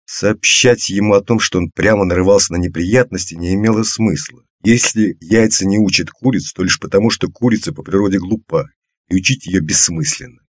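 A man reading a first-person audiobook in a measured, even way. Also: sits low, dry recording, studio quality. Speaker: audiobook narrator.

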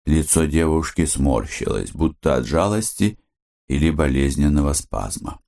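A man narrating a literary audiobook in a measured, expressive storytelling manner. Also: a bass voice, gravelly.

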